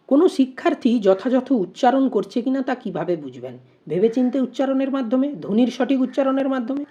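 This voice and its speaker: A woman with a slightly high, mellow voice teaches exam prep, reading out multiple-choice questions with their options before explaining every answer step by step and asking rhetorical questions. The recording has its highs cut off.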